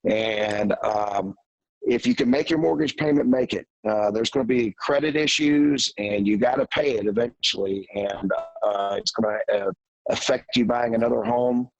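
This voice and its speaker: A man calling in as a financial guest on a radio show, talking in a halting way with many fillers over a choppy internet connection that keeps breaking up. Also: medium pitch, dry recording, lo-fi sound. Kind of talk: remote call-in talk.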